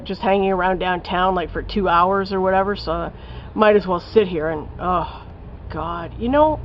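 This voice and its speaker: Woman film reviewer, casual rant, profane and scathing, mid pitch, slightly muffled lo-fi sound. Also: slight background noise. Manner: blunt, profane, scathing rant with many fillers.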